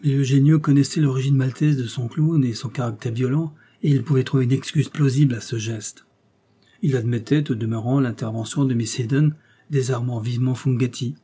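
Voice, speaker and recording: A male audiobook narrator reading a serial crime novel with measured, dramatic phrasing. His voice is mellow and dark, with a husky grain, at an ordinary male pitch. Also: steady tone.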